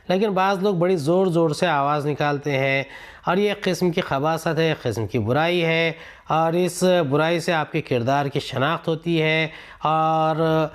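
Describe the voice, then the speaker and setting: Urdu teacher explaining a textbook passage. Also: male voice, on the high side. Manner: reads a passage aloud, then explains it with questions to students.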